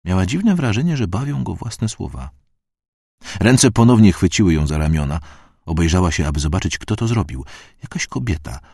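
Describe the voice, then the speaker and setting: A man reading a dark fantasy audiobook in a steady, measured way. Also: low-pitched, husky, dry recording, studio quality. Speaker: audiobook narrator.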